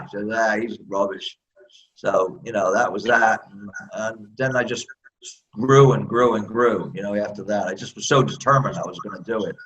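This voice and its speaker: A man's voice: lowish voice, a bit bright, muffled recording, slight background noise. A man in his sixties with an American accent, a former speedway rider telling candid, self-deprecating stories in a casual interview.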